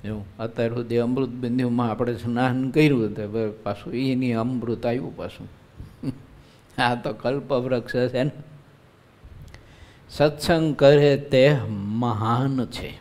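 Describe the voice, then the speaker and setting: A male monk preaches to a gathered congregation in an easy, conversational style. His voice sits at an ordinary middle pitch, and he keeps turning to his listeners with rhetorical questions. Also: steady tone, measured pace, a little mellow. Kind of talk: devotional sermon. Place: live religious gathering.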